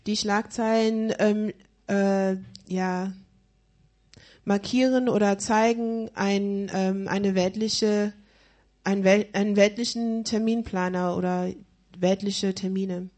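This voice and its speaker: A woman's voice: medium pitch, fairly even intonation, slow, a little mellow. A woman interpreting a sermon live, hesitant, with frequent fillers and restarts as she searches for words.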